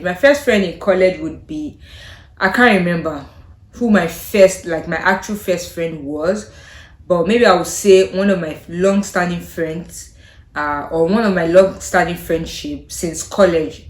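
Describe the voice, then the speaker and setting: A young Nigerian woman whose first language is Yoruba chats casually to camera as a vlogger, in a slightly low voice and an unhurried pace. She is thoughtful and hesitant, laughs often, and lets her sentences trail off softly. The room has a noticeable echo.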